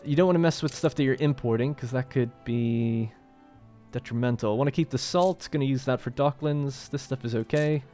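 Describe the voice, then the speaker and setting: A man hosts a let's play, chatting loosely and thinking aloud as he works through a city-building game. His voice sits at an ordinary middle pitch, and faint game music plays underneath. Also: fairly quick, mellow. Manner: casual, thinking aloud while playing. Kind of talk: gameplay commentary.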